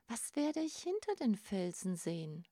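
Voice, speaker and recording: A woman narrating a storybook in a gentle, expressive reading. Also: medium pitch, a little slow, dry recording, studio quality.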